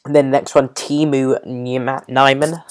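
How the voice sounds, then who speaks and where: Podcast host guy, halting, keeps tripping over names and laughing. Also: medium pitch, level tone, clear, resonant tone. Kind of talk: casual chat.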